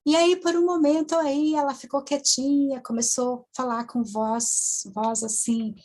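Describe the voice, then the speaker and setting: A woman, a hypnotherapist telling a client's story in a halting way, full of tag questions and restarts. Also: high-pitched, flat delivery, a little mellow. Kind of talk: storytelling lecture to students.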